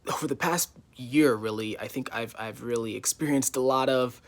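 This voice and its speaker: A man's voice: mid-range voice, moderate pace. A man in his twenties giving a casual, candid vlog update from his living room, rambling with many fillers. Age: 20s. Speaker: YouTuber.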